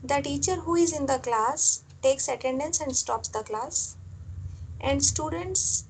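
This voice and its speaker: A woman teaches a technical lesson at an unhurried pace. Her voice sits high, and she circles back over phrases with fillers between them. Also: gravelly, a little hiss or hum, rough recording. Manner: explains step by step, repeats phrases, many fillers. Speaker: lecturer. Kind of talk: classroom lecture.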